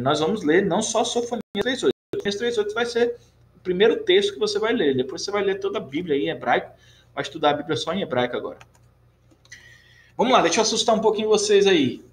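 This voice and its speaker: Chatty Brazilian teacher in an echoey room. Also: male voice, a little high. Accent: Brazilian Portuguese. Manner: chatty, encouraging, asks and answers his own questions. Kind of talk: recorded online lesson.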